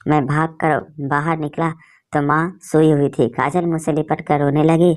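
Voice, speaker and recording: A woman narrating an emotional story in a steady, feeling storytelling manner. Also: deep voice, normal speed.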